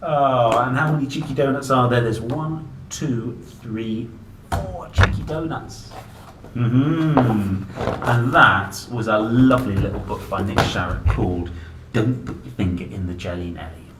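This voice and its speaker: This children's book reader and host has a mid-range voice and a measured pace as he reads a picture book to little kids in a playful, theatrical style, exclaiming and posing questions. A distant mic gives a roomy, clearly noisy recording.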